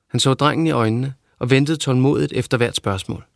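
A man narrating a novel in a steady, even reading voice. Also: medium pitch, creaky, no echo, studio quality. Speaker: audiobook narrator. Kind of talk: scripted narration.

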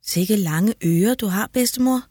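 A man doing a little girl from a storybook, high and soft with a breathy, innocent sound. The voice is close and dry. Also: dry recording. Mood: wondering.

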